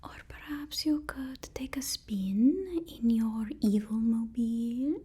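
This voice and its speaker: A woman whispers slowly through an ASMR role-play as the timid, apologetic personal assistant of a supervillain, sounding hesitant and eager to placate. Her voice sits a little high, with a dark tone and a breathy edge.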